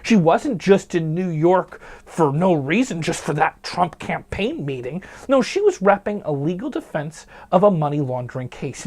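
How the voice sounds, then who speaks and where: Sarcastic guy doing a quick news rundown, very lively voice, jokey little asides. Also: a little high. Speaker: news commentary host.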